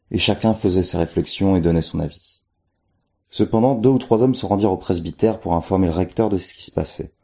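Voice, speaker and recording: Brief: male storyteller, deep-ish, warm dark tone, measured narration. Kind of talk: first-person folk tale narration.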